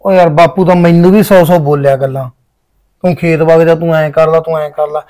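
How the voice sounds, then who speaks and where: Guy doing a brushoff young farmer husband, high pitched for a man. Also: fairly even intonation, brisk, mellow, lightly acted. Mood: dismissive. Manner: brusque, dismissive. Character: impatient young farmer husband seeking job. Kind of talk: village drama acting.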